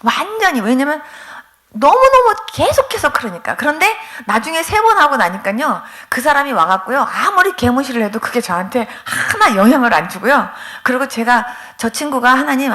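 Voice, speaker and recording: Middle-aged woman pastor, high bright voice, animated revival testimony, emphatic and tearful. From Korea. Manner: animated storytelling, acting out quoted voices. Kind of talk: testimony sermon at a revival meeting.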